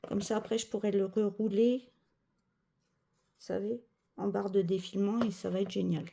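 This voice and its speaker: A woman's voice: medium pitch, steady tone, normal speed, vocal fry, dark tone, slight background noise. A woman chatting casually as a cross-stitch vlogger, rambling with many fillers and self-corrections. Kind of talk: casual chat.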